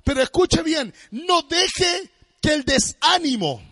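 A pastor, preaching a sermon with impassioned, often shouted, sung-out phrases. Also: male voice, extremely high pitch, very animated, slow, dry recording, studio quality. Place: church.

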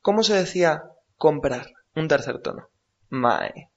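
A man's voice: medium pitch, moderate pace. A man teaching a language lesson on the radio, patiently repeating words for his student to practice. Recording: dull lo-fi recording.

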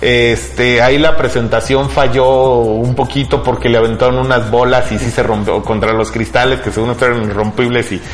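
A middle-aged man with a Mexican accent hosts a casual, colloquial tech news podcast, often adding little tag questions to seek agreement. His mid-range voice holds a steady tone, moving fairly quickly with few pauses. Background music plays, and there's a slight hiss or hum.

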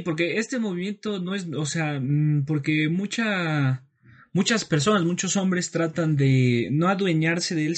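A man with a Mexican accent in a casual discussion, speaking hesitantly with many fillers. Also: fairly high pitch.

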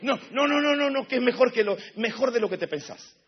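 A man preaching a sermon as pastor, moving between hushed, low passages and shouted climaxes. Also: expressive, brisk, highs cut off, a little hiss or hum.

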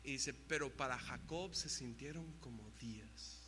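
A young man preaching a sermon, telling stories with shouted sound effects and mimicry, in a reverberant church hall with a faint hum. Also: mid-range voice, measured pace. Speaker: youth pastor.

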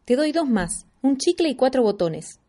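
Indignant little boy, woman doing him, whiny, high, swings up and down a lot. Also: sing-song, normal speed, dark tone. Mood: plain. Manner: protesting, whiny. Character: young boy, indignant and easily upset.

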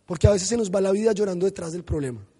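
A man, a pastor preaching a sermon with animated storytelling. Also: high-pitched, rapid-fire, husky. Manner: animated storytelling, acts out voices.

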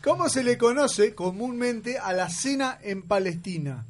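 A man's voice: very high-pitched, lively intonation, measured pace. A Uruguayan man with a Rioplatense accent, co-hosting a radio quiz with teasing banter and reading out questions. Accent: Rioplatense Spanish, Uruguayan. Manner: teasing, laughs often. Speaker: radio co-host.

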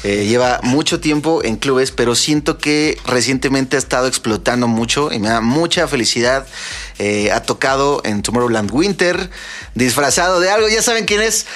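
A young Mexican man hosting a casual music podcast, joking and quick with lots of fillers. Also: medium pitch, a bit bright. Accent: Mexican Spanish. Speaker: podcast host.

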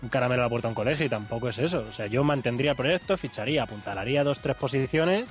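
A man's voice: mid-range voice, racing, soft background music. A man from Argentina with an Argentine accent, co-hosting a show in casual, ironic banter with many restarts.

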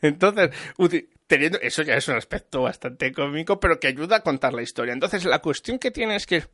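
A man's voice: a little high, lively intonation, a little fast, a bit bright, no room sound, studio quality. Man rambling about a film. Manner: rambling, full of restarts and repeated words. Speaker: film reviewer in conversation. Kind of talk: casual chat.

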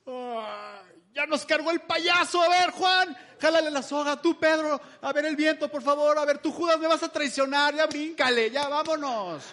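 Jokey, easygoing Jesus, as a preacher puts him on, high and lively, teasing. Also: male voice, moderate pace. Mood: joking. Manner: playful, teasing, laughing. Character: easygoing joking adult man, Jesus spoofed.

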